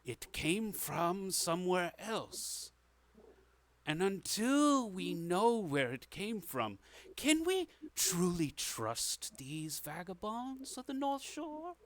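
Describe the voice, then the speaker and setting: A man's voice: sits high, very animated, takes it slowly, fairly bright tone, pitched above the performer's own voice, full character voice. A man voicing a cautious, formal court advisor at a royal court in a tabletop game. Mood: wary.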